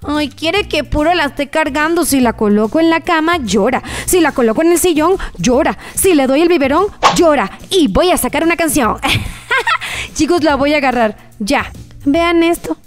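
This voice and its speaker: A woman's voice: sits high, lively intonation, normal speed, soft background music. A woman hosting gameplay commentary, playing a frazzled mother in a theatrical, exclamatory way and talking straight to her viewers. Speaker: gaming channel host.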